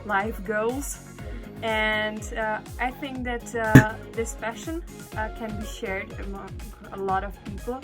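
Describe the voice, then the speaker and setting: A woman's voice: mid-range voice, fairly even intonation, slow pace, over music. A woman giving a hesitant opinion with many fillers. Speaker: interviewee.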